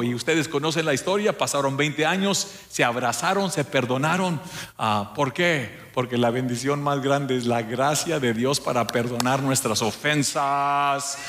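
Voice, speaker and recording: A man's voice: mid-range voice, a bit bright. Emphatic preaching pastor, man. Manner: emphatic preaching, addresses the congregation; drops English words into Spanish. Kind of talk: sermon.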